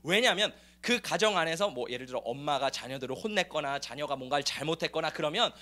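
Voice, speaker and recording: Lively, high-voiced Korean-speaking male pastor. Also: quick pace. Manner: lively and emphatic, calling hallelujah and asking the congregation questions. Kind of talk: sermon. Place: church sanctuary.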